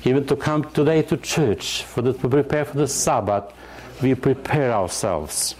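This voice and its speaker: An older man from Yugoslavia preaching a sermon, earnest, pausing to search for words and lifting his voice for scripture. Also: mid-range voice, a little mellow.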